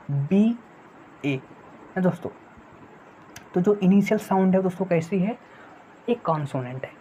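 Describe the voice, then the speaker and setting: A woman gives an online exam-prep grammar lesson in a low, mellow voice. She keeps putting rhetorical questions to her viewers and repeats her key points. The recording is dull and lo-fi, with faint hiss underneath. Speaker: English teacher. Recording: dull lo-fi sound with faint noise.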